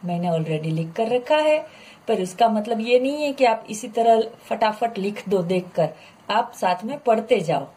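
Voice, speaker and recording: A woman's voice: fairly high pitch, lively intonation, measured pace, warm tone. A woman teaching a children's lesson online, patiently explaining and drawing out model pronunciations, with English words mixed in.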